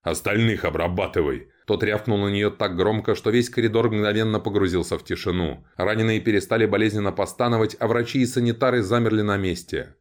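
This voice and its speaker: A man narrating an audiobook in a steady, measured way. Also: on the low side.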